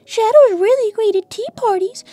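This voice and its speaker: A woman's voice: extremely high pitch, fairly quick, dark tone, no room sound, faint music behind. A woman voicing a sweet, very polite little girl rabbit in a cartoon, with a prim, childlike manner. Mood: prim, cheerful. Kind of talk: cartoon character answering fan questions.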